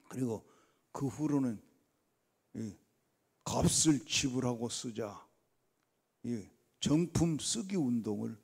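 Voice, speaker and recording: A man's voice: mid-range voice, creaky, a little mellow, slightly rough. An older man preaching a dawn revival sermon, telling stories and acting out his own conversations with God. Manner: storytelling, acts out his talks with God. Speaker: guest preacher.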